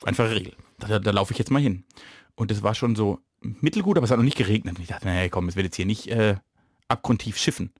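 A man's voice: lowish voice, quick pace, dry recording, studio quality. A man co-hosting a podcast in casual comedic chat, rambling and playful, often trailing off mid-sentence. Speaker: podcast co-host.

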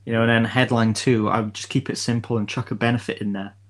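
A man's voice: medium pitch, fairly even intonation, fast, crowd noise. A man co-hosting a podcast in casual chat, hesitant, with many fillers and restarts. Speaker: podcast co-host.

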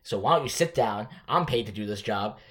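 A man's voice: fairly low pitch, animated, fairly quick, a bit bright. A man playing a flustered team general manager who rambles defensively and blows up in anger. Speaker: podcast co-host.

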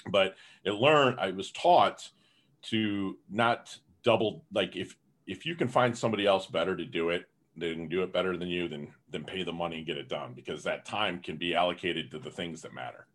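In a laid-back podcast interview, a low-pitched man speaks at normal speed as the guest. His talk is lively and upbeat, dotted with frequent "you know"s.

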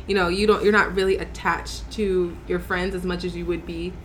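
A woman hosting a casual interview and asking questions, friendly and quick to react. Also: lowish voice, level tone, a little hiss or hum.

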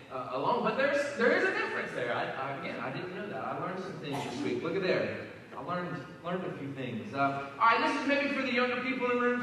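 A man's voice: high-pitched, pushed and bright, slight background noise. A male pastor, preaching a folksy, joking sermon to his congregation in a church hall. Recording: echoey hall, mic at a distance.

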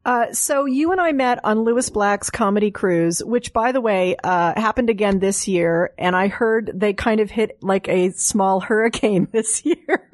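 A woman's voice: medium pitch, a little slow, few pauses, dry recording. Woman hosting, very dry close sound. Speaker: host, interviewer. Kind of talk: casual chat interview. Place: studio.

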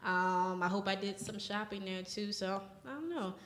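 A woman's voice: medium pitch, normal speed, fairly bright tone, reverberant. A woman hosting a podcast, chatting casually in a wry, joking way. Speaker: podcast host. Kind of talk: casual chat.

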